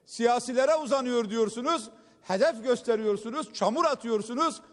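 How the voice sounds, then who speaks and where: A man with a very high voice speaks from a podium microphone in a large assembly hall, and his words ring out with a long reverb. He delivers a combative political speech, pressing accusations point by point and turning again and again to his colleagues in the room. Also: normal speed. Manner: combative, accusatory, repeats "dear friends" to the hall. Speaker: member of parliament giving a speech.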